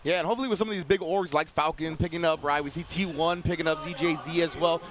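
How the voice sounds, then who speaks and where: A man's voice: on the high side, steady tone, fast, fairly bright tone, slight background noise. A man providing casual live commentary at a fighting game tournament. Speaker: esports commentator. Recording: music playing behind. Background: event music.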